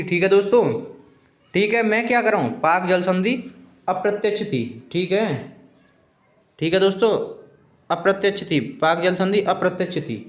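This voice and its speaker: High-voiced man teaching an exam lesson. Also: echoey room. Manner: repetitive, keeps saying "okay friends"; pleading with viewers, informal.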